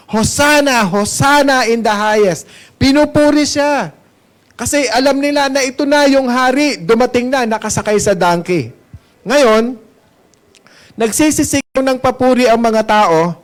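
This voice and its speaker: A man with a Filipino accent preaching a Sunday sermon as pastor. He mixes Tagalog and English and keeps asking the congregation questions. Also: extremely high pitch. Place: church service hall.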